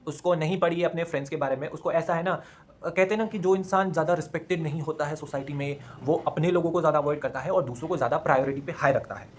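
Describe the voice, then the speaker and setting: A young man tells a personal story in a relaxed, chatty vlog at home. He talks quickly, in a slightly high voice, and keeps dropping English phrases into his speech. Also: slight background noise.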